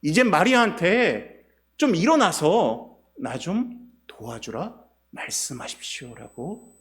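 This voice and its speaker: A man's voice: on the high side, very animated, slow, a bit bright, exaggerated voice. A man voicing an overworked woman host who complains resentfully about being left to do all the work. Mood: pleading. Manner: complaining, exasperated.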